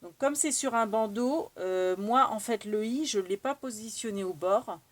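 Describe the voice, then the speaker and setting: A woman's voice: on the high side, moderate pace. A woman with a French accent demonstrating a craft tool, chatting casually and thinking aloud as she works. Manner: chatty, thinks aloud while working, many fillers. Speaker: craft tutorial host.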